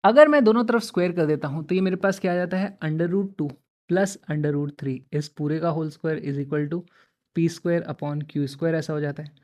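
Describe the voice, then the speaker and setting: A young man with a slightly high, darkish voice teaches math online at a measured pace. He's chatty and supportive, moves back and forth between Hindi and English, and speaks to students like friends.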